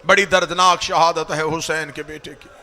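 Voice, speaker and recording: High, gravelly man chanting a mourning sermon. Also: flat delivery, normal speed, in a large hall. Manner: chanting lament that swells into loud wailing cries. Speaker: Shia cleric leading a mourning majlis. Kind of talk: impassioned sung mourning sermon. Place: Karachi, gathering hall.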